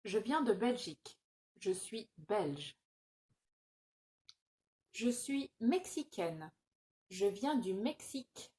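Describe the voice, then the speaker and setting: A woman's voice: mid-range voice, big pitch swings, slow pace, long pauses, mellow. A woman reading scripted phrases for a language-learning video, enunciating each short line carefully.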